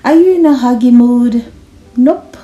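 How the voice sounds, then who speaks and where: This woman leads a kids' read-aloud with a fairly high-pitched voice at a measured pace, though the audio sounds dull. She's animated and encouraging, speaking directly to the children and asking little check-in questions.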